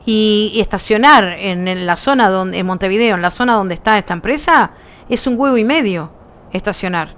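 A woman's voice: medium pitch, moderate pace, fairly bright tone, muffled recording. A woman with a Uruguayan accent, chatting casually with her viewers as a streamer, emphatic and insistent, her voice nearly gone. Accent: Uruguayan Spanish. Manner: emphatic, talks with her hands in her voice, frequent "¿viste?". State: nearly lost voice.

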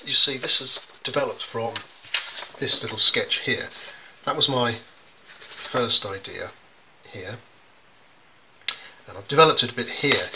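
A man's voice: mid-range voice, bright, forceful tone, slight background noise, poor audio. An English man, a children's poet, chatting through how he illustrates his poems, with many ums and restarts. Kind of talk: casual explanatory demonstration.

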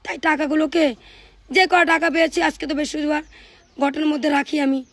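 A woman's voice: high-pitched, steady tone, fairly quick, a bit bright, no echo. A woman in her thirties, a mother of three, narrating her household chores in a chatty way that speaks straight to her viewers. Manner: chatty, addresses viewers directly. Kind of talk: casual household vlog narration.

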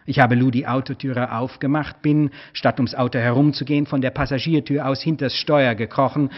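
A man, an author, reading his own prose aloud in a measured, expressive way during a lecture, on a dull, lo-fi recording. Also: mid-range voice.

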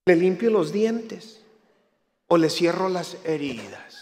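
A man giving a lively church talk, a jokey storyteller who acts out other people's lines. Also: high-pitched, takes it slowly. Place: church hall. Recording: reverberant hall.

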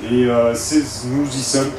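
A man's voice: medium pitch, level tone, slow, noisy background. A man giving a formal welcome speech at a stand mic, hesitant and repeating his phrases. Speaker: welcoming official. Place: event tent with PA speakers. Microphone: stand mic, filmed from afar. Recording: very echoey, distant, music behind.

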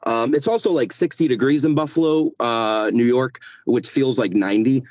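A man's voice: medium pitch, normal speed, darkish tone, no room sound, highs cut off. A man speaking over a group voice chat from inside his car. He talks loosely with many fillers, then reads his poem aloud. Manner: loose and chatty, many likes and uhs. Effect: heard over a group voice chat. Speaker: poet reading his work.

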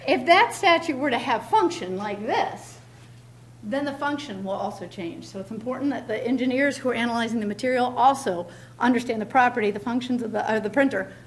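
A woman's voice: on the high side, a little hiss or hum. A middle-aged woman giving a keynote lecture at a podium in a large lecture hall, emphatic, repeating key words, with frequent ums. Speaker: keynote speaker. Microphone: podium mic, filmed from far back.

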